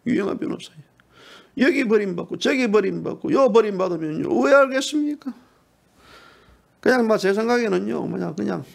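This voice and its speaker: A party politician delivers an impassioned political speech in a creaky voice. He speaks emphatically, repeats himself, and climbs into high, pleading tones.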